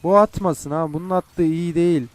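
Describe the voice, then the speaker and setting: A man's voice: on the high side, steady tone, normal speed, dry recording. A young man playing a game and commenting, frustrated and swearing as he goes. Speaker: gamer. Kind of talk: gameplay commentary.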